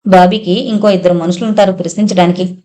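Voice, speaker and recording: A woman's voice: fairly low pitch, steady tone, fast talker, mellow. A woman narrating a novel as an audiobook reader, shifting slightly for dialogue. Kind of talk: novel read aloud, voicing characters.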